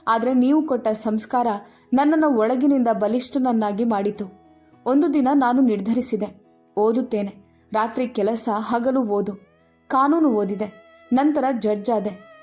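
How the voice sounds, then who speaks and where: A woman voicing a solemn male judge who speaks in a grave, measured way. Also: on the high side, a little mellow, faint music behind, close to an everyday voice. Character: grown man, a solemn judge.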